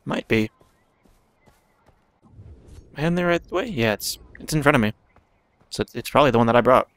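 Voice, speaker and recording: A man giving casual, chatty commentary over his own video game play, talking to himself. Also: mid-range voice. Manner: chatty, self-talking, quick bursts when excited. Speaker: gaming channel host.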